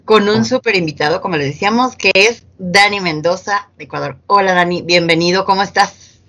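A woman's voice: mid-range voice, a little fast, a bit bright. A woman hosting a casual interview, chatty and full of fillers as she asks questions. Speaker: host.

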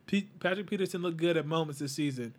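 A man arguing football casually, slangy, pausing on "uh" fillers while searching for names. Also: fairly high pitch. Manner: argumentative, hesitant fillers, slangy.

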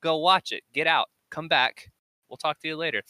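A man hosting a casual podcast chat, excitable and swearing freely, laughing often. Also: on the high side, a little fast, no room sound. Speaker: podcast host.

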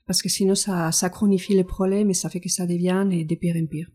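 A woman's voice: fairly low pitch, little pitch movement, brisk, dark tone, husky. A woman with a Spanish accent, a physiotherapist explaining her work in an interview with frequent fillers and restarts. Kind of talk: interview answers.

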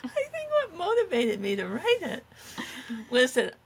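A woman's voice: high voice, huge pitch swings, unhurried, slight background noise. A middle-aged woman co-hosting a podcast, telling meandering, self-deprecating stories in casual chat. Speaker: podcast co-host.

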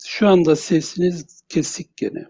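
A man, a lawyer, speaking halting and repetitive over a bad, breaking-up internet call connection. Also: a little high, fairly even intonation, a crowd in the background. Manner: halting, repeats himself over the bad line. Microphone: video or phone call. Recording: dull lo-fi online call audio.

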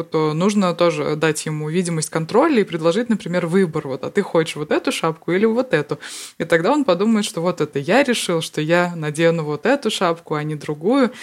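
A woman co-hosting a podcast about interpreting, telling anecdotes in a chatty way and laughing often. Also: lowish voice. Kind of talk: casual podcast conversation.

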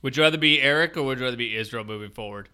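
A man's voice: medium pitch, rapid-fire, sharp tone, clean tone. A man hosting a casual sports chat about a fantasy league, talking informally. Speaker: host and league commissioner.

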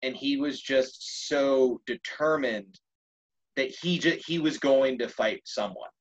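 A young man telling a story in casual conversation, animated and laughing often. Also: medium pitch, takes it slowly, muffled recording.

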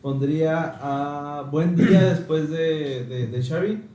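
A man's voice: a little high, slow. A young man with a northern Mexican accent talking casually in a group podcast. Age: young adult. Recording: echoey, distant, noisy room.

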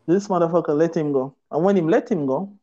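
A man with a Jamaican accent spins a casual, profanity-laced yarn in patois, slipping into quoted voices. His tone is dark and mellow, and the recording sounds dull and lo-fi. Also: on the high side, fast. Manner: profane, animated patois storytelling with acted-out quotes. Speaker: storyteller. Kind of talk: casual storytelling chat.

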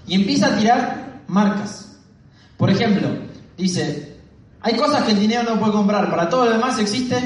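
Man, Argentine accent, fast-talking, seminar speaker, high voice, booming echo. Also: distant mic. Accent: Argentine Spanish. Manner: talks fast. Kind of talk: storytelling business talk to an audience. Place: hall with an audience.

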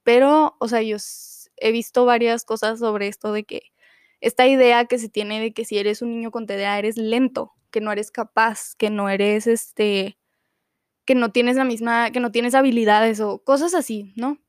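A woman's voice: a little high, fairly even intonation, moderate pace, clean tone, dry recording, studio quality. A young woman telling a personal story in a casual, chatty way, full of fillers and restarts. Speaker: podcast host.

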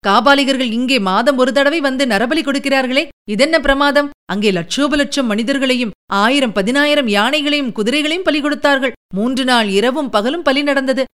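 A woman voicing a fierce, wild female ghoul priestess with a harsh, rough voice, excitedly telling her tale in a storybook reading. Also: high voice, normal speed, few pauses.

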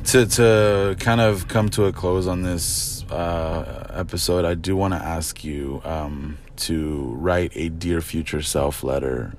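Deep-voiced man hosting a casual chat. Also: steady tone, takes it slowly, hardly any pauses, slight background noise. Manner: rambling, many fillers and restarts. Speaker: podcast host.

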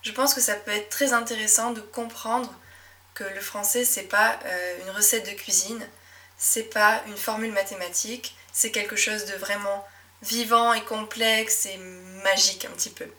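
A young woman from southwest France with a Médoc accent, a French teacher talking reflectively in a casual monologue, with frequent fillers and soft laughs. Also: mid-range voice, fairly even intonation, moderate pace, distant mic. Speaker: French teacher and podcast host.

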